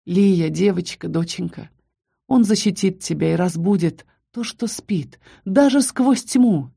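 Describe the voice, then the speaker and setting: A woman voicing a loving mother's spirit speaking softly and tenderly. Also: on the low side, unhurried, gravelly, breathy edge, full character voice. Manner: tender, soft.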